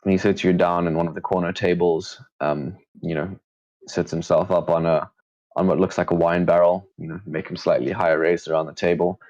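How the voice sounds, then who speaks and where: A man's voice: deep voice, flat delivery, brisk, a little mellow, muffled recording. A man working as a game master, improvising narration for a tabletop roleplaying game.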